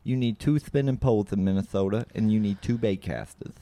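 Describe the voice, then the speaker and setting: A man in casual podcast chat, animated and joking, swearing freely. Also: fairly low pitch, brisk.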